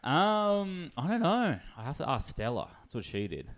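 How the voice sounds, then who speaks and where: A podcast host chats casually, rambling through stories and laughing as he goes. His fairly high voice swings hugely in pitch, at a moderate pace.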